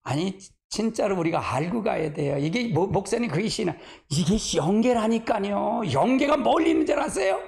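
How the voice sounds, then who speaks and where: A man's voice: sits high, sing-song, normal speed, gravelly, few pauses, darkish tone. A man preaching to a congregation as pastor, chatty and homespun, sighing often and calling on the listeners to answer back. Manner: asks the congregation for responses. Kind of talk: sermon.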